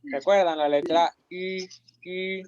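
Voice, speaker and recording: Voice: medium pitch, steady tone, slow pace, darkish tone, smooth, no room sound. A language teacher running a pronunciation drill, patiently repeating each syllable several times. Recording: muffled lo-fi audio.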